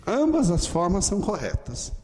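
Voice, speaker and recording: A man teaching an online lesson, explaining slowly and often checking in with "ok?". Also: sits high, huge pitch swings, darkish tone, in a large hall, a little hiss or hum. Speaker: Greek teacher.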